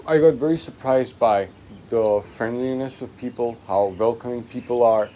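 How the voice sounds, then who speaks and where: A man in his twenties who grew up in Pakistan, speaking in a documentary interview in an easygoing way, often pausing with fillers. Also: mid-range voice, a little mellow, slight background noise. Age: 20s. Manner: easygoing, hesitant with many fillers.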